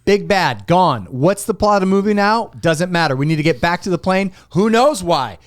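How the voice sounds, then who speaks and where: A man co-hosting a comedy movie podcast, riffing in quick clipped bursts and laughing often. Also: high voice, animated, dry recording, studio quality. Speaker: podcast co-host. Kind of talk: casual comedic chat.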